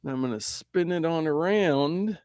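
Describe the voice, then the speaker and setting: A man's voice: fairly high pitch, normal speed, darkish tone, clear, resonant tone, dry recording. A man hosting a tech podcast in casual chat, chatty and going into detail. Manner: chatty, detailed, explains at length. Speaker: podcast host. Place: Pacific Northwest.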